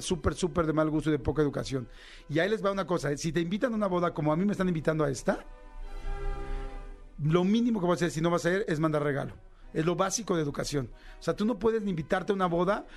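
A Mexican man hosting a radio show, joking loudly and getting excitable as he chats. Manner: loud, joking and excitable, with big jumps in pitch. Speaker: radio host. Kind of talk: casual radio chat.

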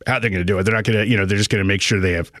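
A man's voice: lowish voice, steady tone, very fast, a bit bright, no echo. A middle-aged man hosting a casual radio call-in show from a studio, rambling and hesitant as he chats. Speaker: radio talk show host. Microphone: close studio microphone.

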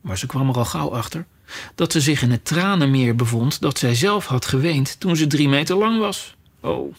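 A man narrating a storybook with a lively, expressive reading. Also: fairly high pitch, moderate pace.

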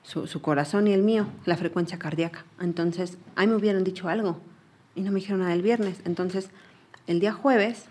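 A woman's voice: on the low side, a little fast, a little mellow. Earnest Mexican woman giving testimony. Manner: earnest, repeats herself while retelling. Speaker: interviewee. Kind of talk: personal testimony.

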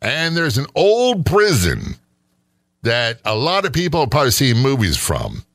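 A man's voice: mid-range voice, huge pitch swings, a little slow, fairly bright tone, no echo, studio quality. A middle-aged man co-hosting a casual chat, skeptical and sarcastic, often rambling. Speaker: podcast co-host.

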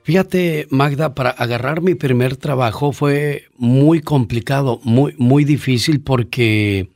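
A man's voice: mid-range voice, creaky, dry recording. Earnest storytelling man on an interview. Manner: warm storyteller, earnest, pauses with fillers. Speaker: guest.

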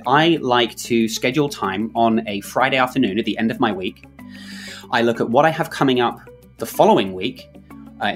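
Methodical man explaining, mid-pitched voice. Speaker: podcast guest, productivity consultant. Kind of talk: explanatory talk, advice.

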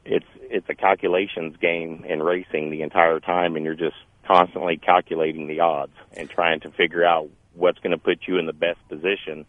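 A low-voiced man phones in to a radio talk show. His voice comes through a thin, tinny phone line with no room sound. He talks informally and restarts his sentences as he thinks aloud. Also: little pitch movement, normal speed, dry recording. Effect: heard over a phone line. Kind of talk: casual phone-in chat.

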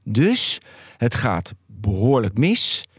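A man in a lively podcast debate who argues his point and thinks out loud. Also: on the low side, slow pace, breathy edge, dry recording, studio quality. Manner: animated, argumentative, thinks aloud.

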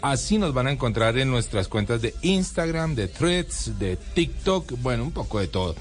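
A man co-hosting a radio travel show, relaxed and joking in casual banter. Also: mid-range voice, normal speed, faint music behind. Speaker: radio co-host.

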